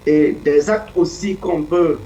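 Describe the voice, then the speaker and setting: A man speaking as a political commentator in an interview, earnest and deliberate, often pausing to search for his words. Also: fairly high pitch, mellow, slight background noise. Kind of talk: analytical interview answer. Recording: echoey, distant, dull lo-fi sound.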